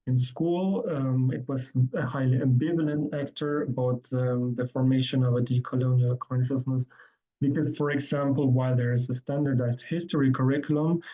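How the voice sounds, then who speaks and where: At an academic conference, a man presents his research in a measured way, often saying um and restarting his sentences. His voice is mid-range and mellow, and the recording sounds muffled.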